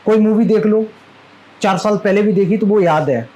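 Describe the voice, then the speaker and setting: A man with a notably high voice teaches maths to a live class. He talks in a chatty, fondly scolding way and keeps tossing questions at his students. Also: normal speed, mellow, low-quality recording.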